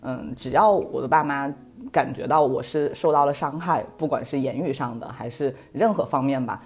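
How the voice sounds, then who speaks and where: A woman in her thirties chatting casually on a podcast, telling a story in a lively way and laughing often. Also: extremely low pitch, normal speed. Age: 30s. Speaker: podcast guest.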